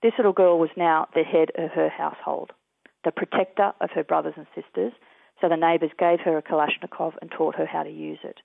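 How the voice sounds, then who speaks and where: An Australian man, a guest in an interview, telling his experiences in an earnest, measured way. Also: fairly high pitch, flat delivery, creaky, dry recording. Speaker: guest, peace activist. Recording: tinny dry phone line.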